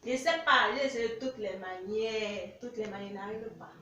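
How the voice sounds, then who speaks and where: A woman's voice: medium pitch, moderate pace, pushed and bright, distant mic, lo-fi sound, slight background noise, close to an everyday voice. A woman acting a flighty young woman drawn to married men in a comedy sketch, rambling and pleading and dodging questions. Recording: roomy echo, voice a bit off-mic.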